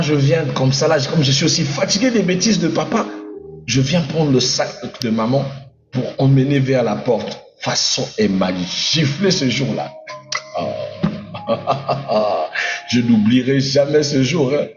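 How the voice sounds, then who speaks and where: A man preaching a lively sermon, playful and animated, acting out little scenes as he goes. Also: mid-range voice, unhurried. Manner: animated, playful, acts out voices in his stories. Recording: echoey hall, dull sound, faint music.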